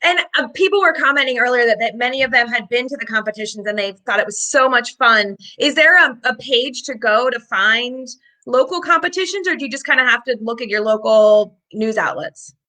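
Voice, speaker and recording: A woman hosting a live-stream interview with a high, bright voice. She sounds upbeat and chatty and drops in fillers as she goes. Her tone is sharp and forward. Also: animated, brisk. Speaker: host.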